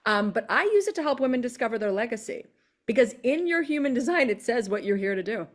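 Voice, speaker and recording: A woman coach talking in a podcast conversation, animated and quick to act out what people say. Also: a little high. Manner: animated, acts out quoted voices. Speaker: guest coach.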